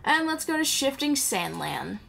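Her voice sits high, sing-song and a bit bright with some creak, and she speaks at a measured pace. She's a woman gaming and commenting casually, rambling playfully and talking to the characters over video game music.

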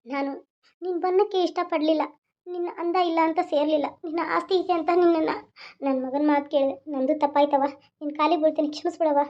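Brief: a woman doing a pleading old grandmother, high voice, lo-fi. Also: fairly even intonation, quick pace, a little mellow, natural voice. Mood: remorseful. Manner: pleading, apologetic. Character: older woman, remorseful grandmother. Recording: dull lo-fi recording.

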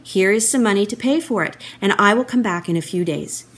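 A woman's voice: mid-range voice, expressive, a little fast, husky. A woman voicing a kind Samaritan man in a children's Bible story, reassuring and caring.

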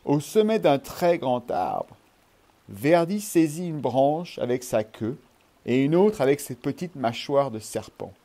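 A man reading a children's storybook aloud in an expressive, animated way. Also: mid-range voice, measured pace.

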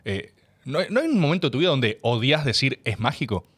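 A man from Argentina with a Rioplatense accent, hosting a casual interview in a relaxed, teasing way. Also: mid-range voice, brisk, husky, no room sound. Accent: Rioplatense Spanish. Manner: relaxed, teasing, chuckles often. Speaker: interview host. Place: studio.

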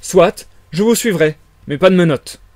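A man's voice: high-pitched, measured pace, darkish tone, voice pushed up. A man voicing an irritable, proud invisible man in a read-aloud story, speaking sharply and with exasperation. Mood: indignant. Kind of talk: audiobook character reading.

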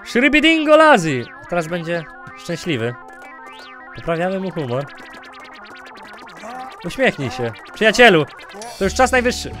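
A man giving jokey let's-play commentary, goofing around with silly name twists and sudden loud outbursts. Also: on the high side, expressive, a little slow, long pauses, faint music behind. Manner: goofy, jokey, mispronouncing names on purpose, bursts of loud outbursts. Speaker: gaming YouTuber.

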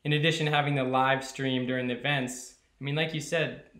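A man in his thirties hosting a casual video call interview, upbeat and quick to laugh. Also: medium pitch, steady tone, fairly bright tone. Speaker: host. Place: room at home. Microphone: video call webcam. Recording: echoey room over video call.

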